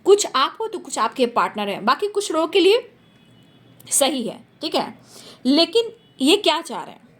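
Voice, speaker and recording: A woman's voice: sits high, sing-song, moderate pace, fairly bright tone. A woman doing a tarot reading for her viewers, talking emphatically and repeating phrases for stress. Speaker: tarot reader.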